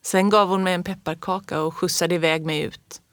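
Calm reader telling a storybook tale. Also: medium pitch, dry recording. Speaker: audiobook reader. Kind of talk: storybook narration in the first person of a child.

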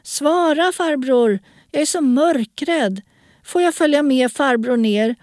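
A frightened young girl calls out in a high, pleading voice, put on by a woman reading a story aloud. Her cries are loud and urgent, and she begs in a voice full of fear. The recording is dry and close. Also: dry recording, natural voice.

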